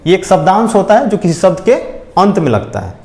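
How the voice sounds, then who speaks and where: Man, teacher, high animated voice, repeats and quizzes students. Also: fairly quick, echoey room. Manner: repeats points and asks questions to check understanding. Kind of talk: classroom lecture.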